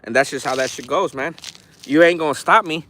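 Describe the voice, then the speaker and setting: On a casual outdoor phone livestream near an orchard, an RC hobby vlogger in his forties rambles bluntly, cursing and talking tough. His voice sits on the high side, a bit bright and a little fast, with a touch of hiss or hum.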